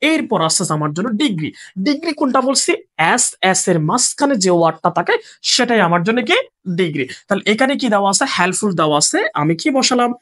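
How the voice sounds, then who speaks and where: Exam tutor; breathy, husky tone, very animated intonation, call-and-response teaching. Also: medium pitch, fairly quick. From Bangladesh. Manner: asks questions and answers them himself. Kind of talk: exam-prep grammar lesson.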